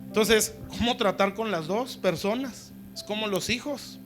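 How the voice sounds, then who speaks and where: A man's voice: high voice, measured pace, fairly bright tone, soft background music. A male pastor preaching conversationally, often checking in with "¿sí?" and acting out quoted voices. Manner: acts out quoted voices in dialogue. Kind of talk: sermon. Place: church service.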